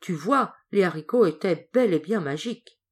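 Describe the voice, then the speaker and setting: A woman's voice: lowish voice, animated, moderate pace, slightly rough. A woman voicing an eager, bold young boy in a storybook reading.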